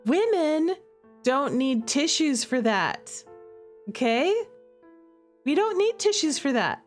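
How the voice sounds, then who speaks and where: A woman with a high, sing-song voice takes her time chatting on a livestream about the game she's playing. She giggles, plays around, and emphasizes points with little tags such as "okay?" and "all right?" Background music is audible.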